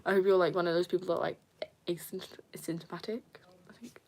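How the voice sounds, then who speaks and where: A young woman chatting casually on a live stream, soft and hesitant, with many fillers and nervous giggles. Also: on the low side, fairly even intonation, fast talker. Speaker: livestreamer reading viewer comments.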